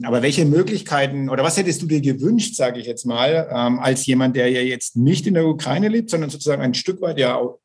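A man's voice: mid-range voice, slightly rough. A man interviewing a guest, who searches for words and asks long, winding questions with a lot of hesitation. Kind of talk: conversational interview.

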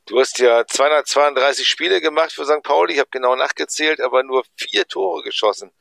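A man with a gravelly, creaky voice asks teasing questions as co-host. The recording is close and dry, with no room sound. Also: fairly high pitch, brisk, fairly bright tone, no echo. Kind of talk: conversational interview questions.

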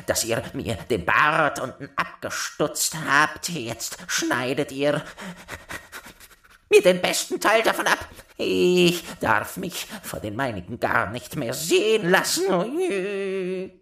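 A man's voice: on the high side, very animated, slow, bright, forceful tone, pitched above the performer's own voice, exaggerated voice. Man putting on a snarling old dwarf. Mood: indignant. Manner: scolding, snarling. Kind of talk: storybook reading.

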